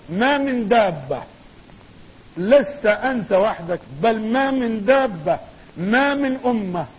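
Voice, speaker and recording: A man delivers a mosque sermon in a high, husky voice. He drives his points home with repeated phrases and slows into a chant when he recites verse. The recording sounds dull and muffled. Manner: emphatic oratory with repeated phrases; slow chanted poetry recitation. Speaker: preacher. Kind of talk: Friday sermon.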